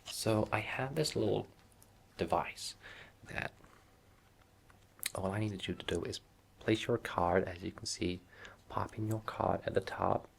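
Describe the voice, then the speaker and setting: A man doing a softly spoken ASMR role-play as a watch shop salesman, with reassuring customer-service patter in a low, gravelly voice. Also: unhurried, long pauses, slight background noise.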